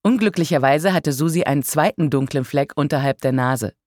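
A narrator reading a first-person book aloud in a calm, measured way with dry humor. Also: mid-range voice, dry recording. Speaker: audiobook narrator. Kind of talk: scripted audiobook narration.

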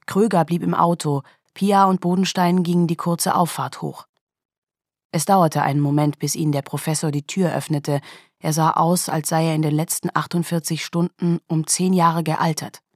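A woman reading a crime novel aloud in calm, even storytelling narration. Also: low voice, normal speed, no room sound, clean studio sound. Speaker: audiobook reader. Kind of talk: scripted narration.

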